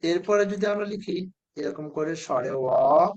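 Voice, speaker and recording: A man, teaching spelling to a children's class, patiently repeating words slowly and quizzing the pupils. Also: fairly high pitch, a little mellow, dull audio.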